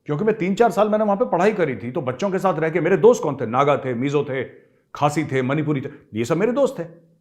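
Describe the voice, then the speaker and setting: A man's voice: fairly high pitch, animated, fast. A middle-aged man giving emphatic political commentary, talking straight to his viewers and repeating his points for emphasis. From India.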